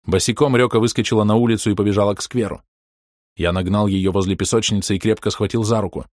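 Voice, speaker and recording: A man narrating an audiobook in the first person, in a steady, measured reading voice. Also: lowish voice, no echo, clean studio sound.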